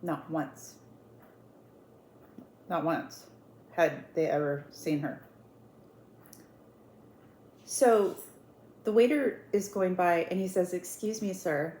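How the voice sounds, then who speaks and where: In her eat-with-me video, this online storyteller talks slowly and pauses often, her lowish voice warm and steady. She retells the story conversationally, acting out each person's words with drama and repeating words for emphasis. The room echoes, and background noise comes through clearly.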